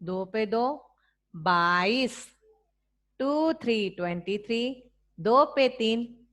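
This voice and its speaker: An Indian woman teacher giving an online lesson to young children, speaking slowly and drawing out each number so they can repeat after her. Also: a little high, expressive, a bit bright.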